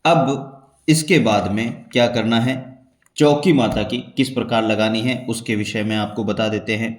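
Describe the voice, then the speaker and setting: A man calmly explaining the steps of a devotional ritual as a spiritual teacher, measured and repeating key points for emphasis. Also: on the low side. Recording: echoey room.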